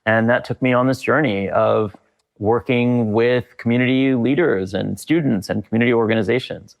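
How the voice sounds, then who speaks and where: Creaky and medium-pitched, this middle-aged man speaks at normal speed on a recording with the highs cut off. He's a leadership consultant being interviewed as a guest, thoughtfully reflecting in conversation with frequent fillers and restarts.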